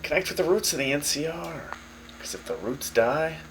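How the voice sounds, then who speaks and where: Voicing a brash host in a fan radio drama, a man teases his guests and rolls out swaggering speeches and lively jokes while music plays. His voice is a little high at normal speed, in a rough recording with a little hiss or hum.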